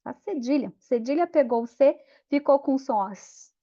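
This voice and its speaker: A woman giving a lively teacher training talk, acting out classroom scenes in voices. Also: sits high, normal speed. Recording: dull lo-fi sound.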